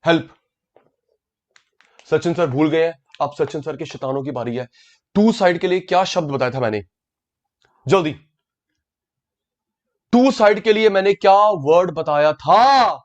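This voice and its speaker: A man's voice: a little high, animated, a little slow, pauses often, dull audio. A man teaching an online class, calling on students by name, repeating key words and mixing English terms into his talk. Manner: mixes English terms into Hindi.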